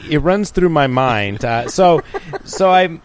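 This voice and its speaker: A man on a podcast chats in a wry, halting way, full of fillers and restarts. His pitch moves in lively swings up and down. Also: crowd noise. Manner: hesitant with many fillers, wry. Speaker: podcast co-host. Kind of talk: casual chat and reading aloud.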